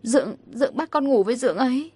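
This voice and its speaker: A woman's voice: high voice, fast talker, dark tone, breathy edge, pitched above the performer's own voice. A woman voicing a frightened young daughter who pleads tearfully and hesitantly.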